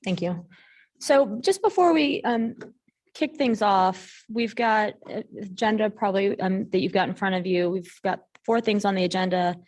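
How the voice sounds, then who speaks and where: A woman's voice: medium pitch, moderate pace, a little mellow. Woman mayor chairing a meeting. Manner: conversational, with frequent ums. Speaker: mayor hosting a joint meeting. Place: city hall meeting room.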